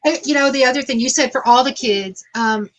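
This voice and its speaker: A woman's voice: high-pitched, a little fast, fairly bright tone, low-quality recording. A woman teacher adding points agreeably on a conference panel, with some fillers.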